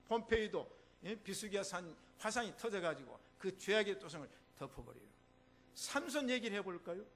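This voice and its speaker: High voiced pastor guy w/ a jeolla accent, emphatic sermon, loud bursts. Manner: emphatic, exclaiming, mimics voices in quotes. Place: church sanctuary.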